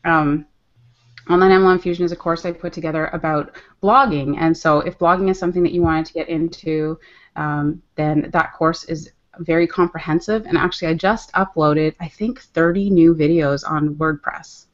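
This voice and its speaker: A woman's voice: deep voice, steady tone, moderate pace. A woman co-hosting a live online happy hour, explaining plans in an upbeat, chatty way. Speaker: co-host. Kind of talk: casual live webinar chat. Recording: dull lo-fi audio.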